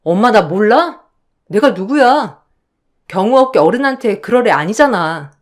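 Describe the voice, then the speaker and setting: A woman's voice: mid-range voice, animated, moderate pace, natural voice. A woman voicing a young wife who answers back firmly and indignantly, in a radio drama. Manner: firm, indignant retorts. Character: sharp-tongued young wife standing her ground.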